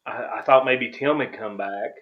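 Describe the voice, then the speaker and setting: A man with a mid-pitched voice hosts a video commentary. He tells stories in a loose, informal, rambling way, and the recording is somewhat dull and lo-fi. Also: moderate pace. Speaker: video host. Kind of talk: casual commentary over own footage. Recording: dull, lo-fi microphone audio.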